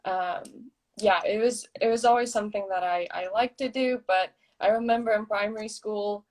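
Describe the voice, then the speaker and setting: A woman's voice: medium pitch, fairly even intonation, moderate pace. A young woman from South Africa with an American-tinged South African accent, a guest athlete chatting casually over a video call, easygoing and hesitant with many ums. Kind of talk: casual chat.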